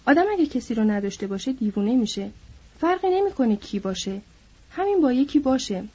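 A woman's voice: on the high side, lively intonation, mellow, slightly rough, dull audio. A woman voicing a bitter, lonely older male stable hand who needles and then broods, in an audiobook. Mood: mournful.

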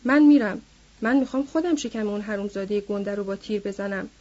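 A woman voicing a hot-headed, vengeful young man who issues angry threats, in a husky voice. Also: mid-range voice, close to an everyday voice. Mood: furious. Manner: shouting, furious threats. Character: hot-headed young male ranch boss's son, vengeful. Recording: dull lo-fi recording.

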